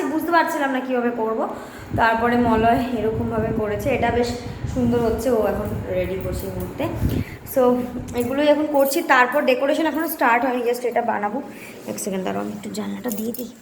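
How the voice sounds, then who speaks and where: A young woman talks through her day in a loose, rambling vlog chat. She is recorded indoors at home in a room with a clear echo. Steady household noise runs behind her voice. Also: fairly high pitch. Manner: chatty, rambling running commentary. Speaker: lifestyle vlogger. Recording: echoey room with background noise.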